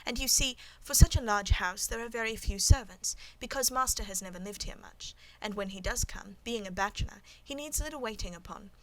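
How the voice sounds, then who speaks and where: A woman reading the part of a guarded, composed middle-aged servant woman, speaking calmly and demurely in a storybook. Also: mid-range voice, brisk, few pauses, close to an everyday voice, poor audio.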